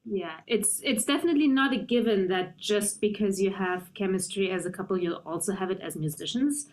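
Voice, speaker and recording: A woman pianist in her thirties, from Germany, answering interview questions in a thoughtful, measured way. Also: medium pitch, a little hiss or hum, low-quality recording. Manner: thoughtful, measured, with frequent um and you know. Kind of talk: conversational interview.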